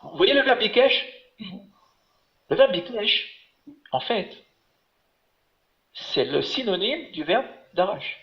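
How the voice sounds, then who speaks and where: Man, patient Hebrew teacher on a webinar, slightly high voice, dull echoey call audio. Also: big pitch swings, slow pace, pauses often. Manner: patient, encouraging, explains step by step. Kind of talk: online class, teaching.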